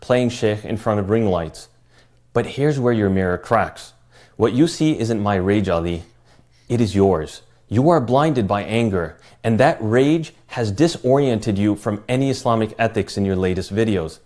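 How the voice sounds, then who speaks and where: Calm, well-spoken man reading a rebuttal. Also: fairly low pitch, measured pace. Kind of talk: scripted response statement.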